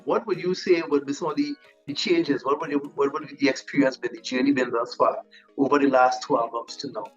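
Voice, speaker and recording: A man's voice: mid-range voice, fairly even intonation, a little fast, dull audio, faint music behind. A man hosting a gospel TV interview show, upbeat and chatty, laughing between his questions. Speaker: TV show host.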